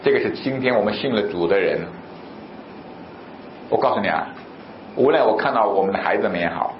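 Male pastor, animated sermon delivery, roomy reverb, faint hiss. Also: lowish voice, fairly quick. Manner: animated, rhetorical questions, storytelling. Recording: echoey, slightly dull recording with faint noise.

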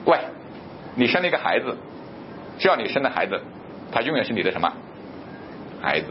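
A man preaching a sermon, asking questions and answering them himself, and reading scripture aloud slowly. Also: mid-range voice, very animated, lo-fi sound, a little hiss or hum. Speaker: pastor.

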